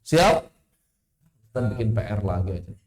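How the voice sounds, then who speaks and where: A man teaching tajwid in an online class. He explains with examples and recites Arabic phrases in a drawn-out chant. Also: on the low side, very animated, darkish tone. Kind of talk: online lesson. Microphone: online class microphone.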